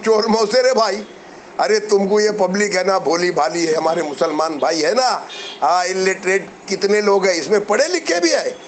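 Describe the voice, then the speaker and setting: A man's voice: high voice, a little hiss or hum, poor audio. A middle-aged man, delivering a combative, mocking commentary rant to investors. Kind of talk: heated video commentary.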